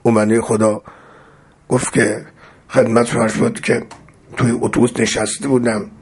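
A male preacher telling a sermon story with dramatic swings, his voice gravelly and rough with fry. It sounds husky and strained, and it leaps up high in the emotional moments. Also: flat delivery, a little mellow. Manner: dramatic retelling with sudden high emotional outbursts.

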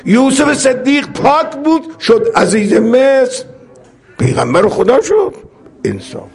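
A man's voice: very high voice, very animated. A male preacher giving a religious sermon, telling stories with humor and acting out the characters.

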